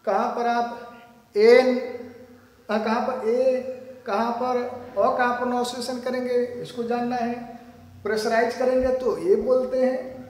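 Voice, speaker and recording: A man teaching English grammar, explaining slowly and deliberately, repeating words for emphasis. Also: very high voice. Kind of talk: grammar lesson explained in Hindi. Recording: echoey room with long reverb, faint noise.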